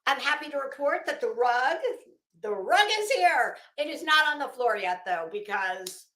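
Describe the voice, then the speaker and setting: Hosting a livestream, a woman chats and comments casually in a blunt, sarcastic, salty, emphatic way. Her voice is high and a bit bright, with lively intonation at a moderate pace. The home recording is roomy and echoing.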